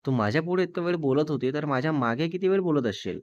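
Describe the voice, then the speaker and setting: A man's voice: on the high side, animated, fast, darkish tone, no echo, lo-fi sound, natural voice. Man playing a blunt jealous young fiancé. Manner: dismissive, then blunt and possessive.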